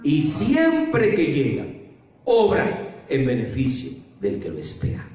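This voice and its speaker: Male pastor, sermon delivery, slow deliberate pace, heavy church echo, heard from a distance. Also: wildly swooping pitch. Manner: preaching with sweeping swings from low murmurs to loud climaxes. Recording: very echoey church hall, mic at a distance.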